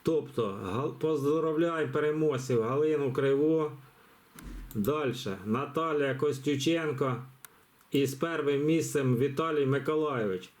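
A man's voice: on the high side, measured pace, darkish tone. A man hosting a live giveaway on his channel, talking in a rambling, chatty way many fillers and restarts. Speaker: channel host running a giveaway. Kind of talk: casual live commentary.

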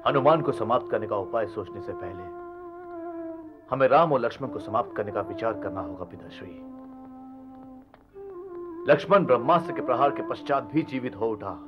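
Guy acting loyal warrior prince, formal n emphatic, lively swings, music clearly behind, myth serial. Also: mid-range voice, normal speed, pauses often, highs cut off, natural voice. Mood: resolute urging. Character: Meghnad, resolute demon warrior prince, loyal son. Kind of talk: mythological TV drama acting. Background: background music.

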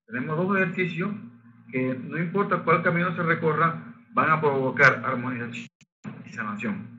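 A man facilitating a Reiki workshop, explaining techniques and leading the group in slow chanting. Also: a little high, pushed and bright, muffled recording, slight background noise. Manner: leads group chanting of Japanese phrases, slow and sung. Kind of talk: spiritual workshop teaching.

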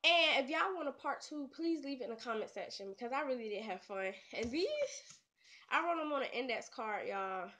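A woman's voice: high voice, lively intonation, fairly quick, bright, forceful tone. A woman vlogger, attempting tongue twisters in a casual challenge video, playful and teasing. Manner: playful, trash-talking, laughs at her own slips.

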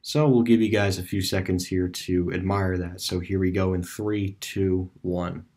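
His voice is deep and darkish, with little pitch movement and a slightly slow delivery. As a video creator touring a closed store on street view, he offers casual, rambling commentary over a screen-recorded map tour, with plenty of fillers and restarts.

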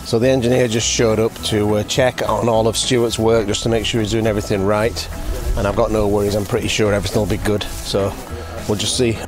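A man's voice: fairly low pitch, level tone, a little fast, music in the background. A man in his forties talks straight into a camera held at arm's length, outdoors on a rural building site. His commentary is chatty and a little nervous as he waits to see how the work turns out. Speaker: vlog host. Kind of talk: casual on-site vlogging. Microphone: handheld action camera at arm's length.

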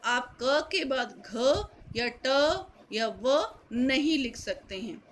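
Female teacher, slow careful explanation, faint background noise. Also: high voice, animated. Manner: slow, careful, repeats key points. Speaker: Hindi grammar teacher. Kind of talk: classroom lesson.

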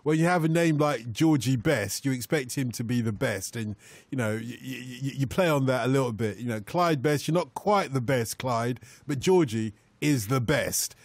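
A man from Nigeria hosts a radio phone-in show from a studio, chatting jokily, chuckling and reading out listener messages. His voice is mid-range at a normal speed, and the recording is dry.

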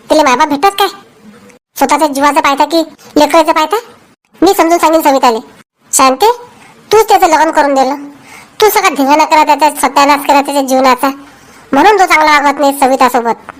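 A woman's voice: sits high, a little fast, long pauses, natural voice. A woman voicing a scolding, indignant middle-aged village mother in a family cartoon comedy.

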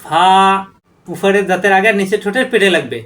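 A man with a noticeably high voice leads a letter-by-letter recitation lesson. He draws each letter name out in a long chant, then drops into short spoken explanations of how to say it. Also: fast talker, fairly bright tone. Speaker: Quran reading teacher.

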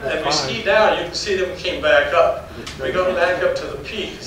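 There's crowd noise as an older geology professor, voice a little high and pace moderate, tells stories through a public slide lecture. He's folksy and anecdotal, chuckling between stories, in a darkened lecture hall with an audience. The mic is distant, the hall very echoey, and faint noise runs underneath.

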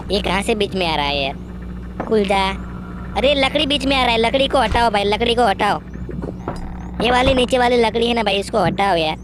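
A man voicing a boastful, bossy young man who brags and orders others around, as gaming commentary in character. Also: very high voice. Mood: excited. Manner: bragging, impatient, bossing others around. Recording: noisy background.

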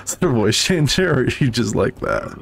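A man's voice: mid-range voice, sing-song, brisk, vocal fry. A man hosting a gaming video, talking casually in an informal, joking way. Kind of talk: casual gaming commentary and chat.

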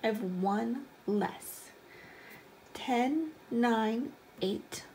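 A young woman with a fairly high voice talks like a kids show host, teaching small children. She goes slowly and simply, asking encouraging questions as she leads them along. There is noticeable room noise behind her. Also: mellow, rough recording. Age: 20s. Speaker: elementary math teacher. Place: small room at home, indoors. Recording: clear background noise, room ambience.

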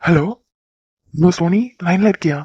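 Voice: medium pitch, a little mellow, breathy edge, no echo, close to an everyday voice. A performer voicing a young man in a cartoon, a devoted son and boyfriend who coaxes his partner out of her tears. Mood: coaxing. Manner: brisk, coaxing, affectionate. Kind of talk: cartoon voice acting. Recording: dry, dull lo-fi recording.

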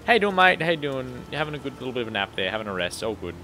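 A young man casually commenting on his own game playthrough, chatty and quick to laugh. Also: medium pitch, lively intonation, noisy background. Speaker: gaming channel host. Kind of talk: casual let's-play commentary. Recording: game music underneath.

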